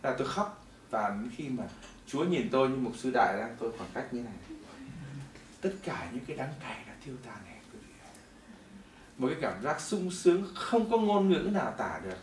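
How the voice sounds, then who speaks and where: A middle-aged man giving a testimony sermon in a church hall, telling his story in an animated way that swings between loud bursts and hushed moments. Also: mid-range voice, fairly quick, slight background noise. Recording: echoey hall, mic at a distance.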